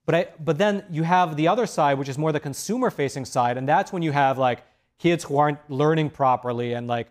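A man's voice: on the high side, fairly quick. A young man on a TV studio panel who talks in a rambling way, with many restarts, on a lapel mic.

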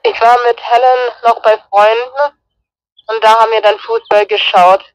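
A woman's voice comes through a handheld two-way radio, a little higher than most, with a dry, close sound. She keeps her replies short and plain, like someone doing radio checks. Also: steady tone, normal speed, no echo, low-quality recording. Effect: heard through a handheld two-way radio. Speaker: radio test partner. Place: on a balcony, then indoors.

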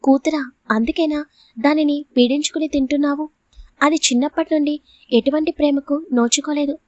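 A stern, protective elderly grandmother scolds and pleads through tears, voiced by a woman reading the story aloud. The voice sits high and the recording is dry and muffled, close to the mic. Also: steady tone, fairly quick, darkish tone, no echo, close to an everyday voice. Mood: angry. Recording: dull lo-fi audio.

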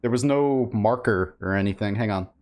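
With a fairly low voice at normal speed, this male streamer offers casual live commentary, chatting informally and reacting aloud as he plays. The background is noisy, filled with game ambience.

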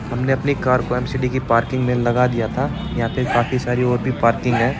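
A man's voice: mid-range voice, monotone, fairly quick. A man narrating a travel vlog voice-over, giving practical tips to viewers he calls friends. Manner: informative, addresses viewers as friends. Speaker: travel vlogger. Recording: heavy music and crowd noise under the voice.

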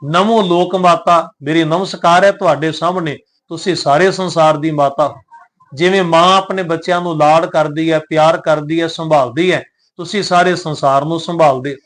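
Devout guy with a higher voice, chanting verses real slow then explaining each word. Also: fairly even intonation. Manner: devout and reverent, addresses listeners politely. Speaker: scripture teacher. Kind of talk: recitation and explanation of scripture.

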